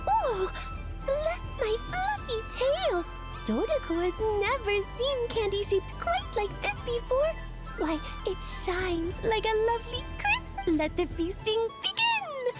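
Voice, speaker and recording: A woman voicing a cute little fluffy stuffed-bunny creature in a video game, squeaky and childlike, bubbly and sweetly polite. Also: exaggerated voice. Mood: excited. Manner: bubbly, exclamatory, sweetly formal. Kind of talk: video game character acting. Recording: music behind the voice.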